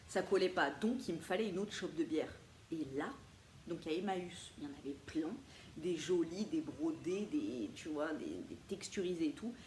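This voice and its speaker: A woman, chatting casually and playfully to viewers about her thrift finds. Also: on the low side. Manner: chatty, animated, laughs often, playful asides. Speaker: vintage thrift haul vlogger. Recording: echoey room with faint ambient noise.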